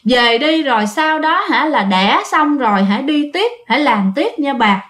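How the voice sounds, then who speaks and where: A woman's voice: high voice, animated, normal speed, fairly bright tone, roomy sound. A woman voicing the crying ghost of a drowned old man, pleading in a Southern Vietnamese accent.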